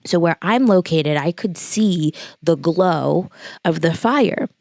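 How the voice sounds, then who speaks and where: A young woman in her late twenties from the Los Angeles area tells a story in a casual vlog. Her voice sits low with a gravelly edge, and the close recording is dry. She talks loosely, with plenty of fillers and acted-out bits of dialogue. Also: expressive, slow, a little mellow, no echo. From Los Angeles area, California. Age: late 20s. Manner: casual, filler-heavy retelling with quoted dialogue. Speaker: vlogger.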